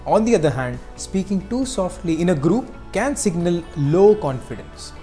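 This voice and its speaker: A teacher giving scripted narration on speaking skills, explaining clearly and acting out short examples. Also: medium pitch, sing-song, normal speed, warm tone, soft background music.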